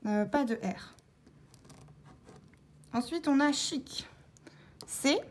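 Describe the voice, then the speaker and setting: A woman vlogger talking through her scratch-card tickets, calmly spelling out letters one by one as she checks each word, with scratching sounds behind her. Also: high-pitched, extremely slow. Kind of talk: casual narration while scratching tickets.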